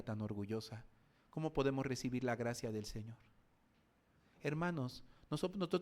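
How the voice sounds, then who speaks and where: A pastor with a Mexican accent preaching an evening sermon, dramatic, swinging between quiet reflection and forceful declarations. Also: male voice, mid-range voice.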